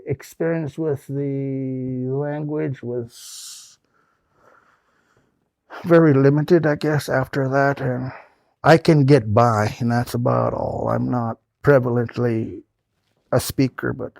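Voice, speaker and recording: An older man from the Pacific Northwest of the United States tells folksy, rambling stories as a guest speaker in a small hall, taking audience questions. His mid-range voice is slow, creaky, and a little mellow, with fairly even intonation and no room sound.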